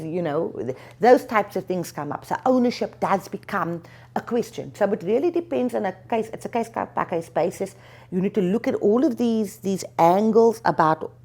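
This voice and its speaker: A woman attorney explaining legal points in an interview, measured and thinking aloud with frequent fillers. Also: lowish voice, a little mellow, breathy edge. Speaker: attorney and lecturer, interview guest.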